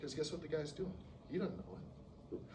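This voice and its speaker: A respiratory therapy instructor with a fairly high voice lectures fairly quickly in a casual classroom style. He peppers his sentences with "okay?" to check in and acts out patients, and the recording is roomy, distant, and noisy.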